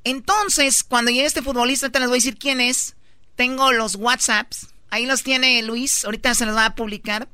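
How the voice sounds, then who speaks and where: Bright, high-voiced woman host. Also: fairly even intonation, brisk, dry recording. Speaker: podcast host. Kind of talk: casual gossip storytelling.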